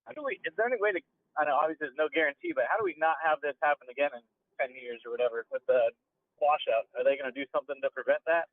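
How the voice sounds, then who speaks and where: A man calling in to a board meeting from his car over a speakerphone, asking questions in a quick, plain-spoken way. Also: a little high, no room sound. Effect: car speakerphone call. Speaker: board member. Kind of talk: meeting discussion. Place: in a moving car. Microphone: phone dial-in. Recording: tinny, dry phone line.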